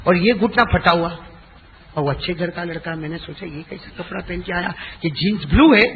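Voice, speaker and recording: A man preaching a devotional sermon who chants verses in a slow, drawn-out melody and urges the audience to answer him aloud. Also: sits high, phone-quality sound, slight background noise. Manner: calls on the audience to respond aloud.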